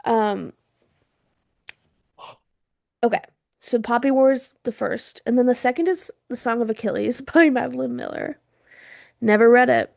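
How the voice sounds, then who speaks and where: Chatty woman with a gravelly voice. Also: fairly high pitch, fairly quick, a little mellow, dry recording, clean studio sound. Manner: chatty, laughs often, lots of fillers. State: throat irritated from wildfire smoke. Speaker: podcast co-host. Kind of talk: casual chat.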